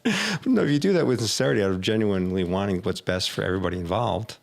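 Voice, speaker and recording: A middle-aged man, an executive coach hosting a casual talk, who tells animated stories and acts out his clients' voices. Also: lowish voice, fast, creaky. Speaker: executive coach, podcast host. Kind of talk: casual conversation.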